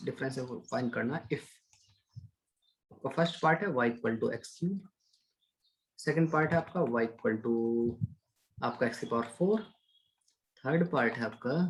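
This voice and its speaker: A man teaching an online maths class, chatty and coaxing, asking questions and answering them himself for his students. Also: medium pitch. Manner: coaxing, calls students "beta".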